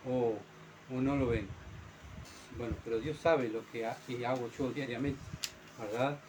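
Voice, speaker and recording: A man's voice: mid-range voice, steady tone, measured pace, noisy background. A man, a pastor preaching a sermon emphatically, asking rhetorical questions and repeating his points.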